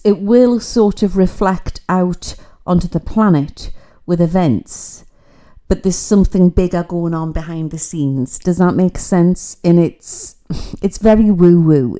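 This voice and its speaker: A middle-aged woman with a low, mellow voice talks her viewers through a spiritual reading. She rambles in a chatty way, drifting into mystical asides. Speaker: psychic. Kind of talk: casual livestream spiritual reading.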